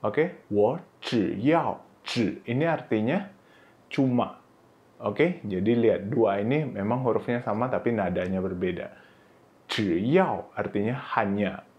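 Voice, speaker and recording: A man's casual, instructive Mandarin pronunciation video has its high frequencies cut off. He demonstrates syllables in high, drawn-out bursts, regularly saying "oke" and "nah."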